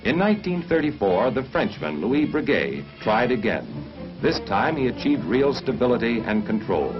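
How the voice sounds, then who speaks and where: This American narrator of a mid-20th-century military training film has a mid-range voice and sounds very animated, though his delivery stays formal, measured, and instructional. The old film soundtrack is muffled and he speaks over music.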